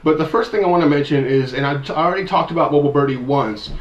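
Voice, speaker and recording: A man's voice: on the high side, very fast, reverberant, muffled recording. A man in his thirties from mid-Michigan, hosting a casual weekly disc golf news vlog and talking to viewers in a chatty, upbeat way. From mid-Michigan, USA. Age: 30s. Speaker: disc golf channel host.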